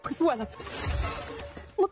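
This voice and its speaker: A woman's voice: takes it slowly, lightly acted. An actress playing a tearful, self-pitying young woman who pleads and repeats herself in a TV serial. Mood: pleading. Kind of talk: TV serial drama. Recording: TV clip with loud music.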